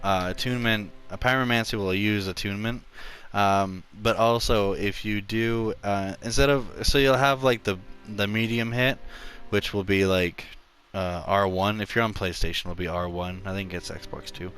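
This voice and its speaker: A man's voice: on the low side, fairly even intonation, moderate pace, fairly bright tone, smooth, soft background music. A man casually talking through a video game's character creation, rambling with many fillers and restarts. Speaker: gameplay tutorial narrator. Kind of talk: casual gameplay commentary.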